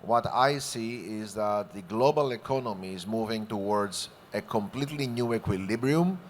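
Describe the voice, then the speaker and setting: A man's voice: lowish voice, moderate pace, slight background noise. A man from Greece speaking on a conference panel in an expansive, good-humored way, using vivid imagery. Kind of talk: panel discussion remarks.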